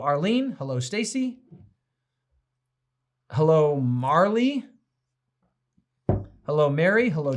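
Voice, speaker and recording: A man hosting a casual livestream as a pastor, cheerfully greeting viewers by name, a bit tired. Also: a little high. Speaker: host and pastor.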